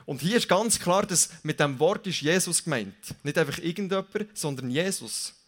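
A young man with a Swiss German accent preaching a casual, lively sermon, joking and correcting himself as he goes. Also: a little high, moderate pace.

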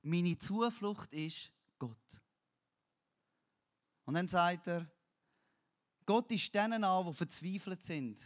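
Slow, high-voiced preacher. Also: male voice. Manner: dramatic, swings between loud emphatic cries and low, quiet passages; uses crude everyday words. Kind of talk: sermon.

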